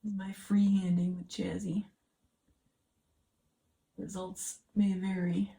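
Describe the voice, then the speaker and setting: Slow and flat, with a gravelly yet mellow mid-range voice, a woman keeps up a casual commentary while working on a hobby mural at home near a window. She mutters to her cat and to herself, poking fun at what she's painted.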